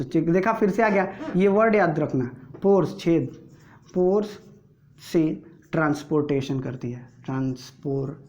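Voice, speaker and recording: A male teacher with an Indian accent, giving a slow board lesson to school students and checking often that they follow. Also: a little high, a little mellow. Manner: explains slowly, drawing as he speaks, keeps checking understanding.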